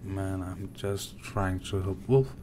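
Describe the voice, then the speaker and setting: Over a noisy background with faint game audio, a soft-spoken Danish man with a low voice works through a live game stream. He goes slowly, muttering as he plays and answering questions from his chat.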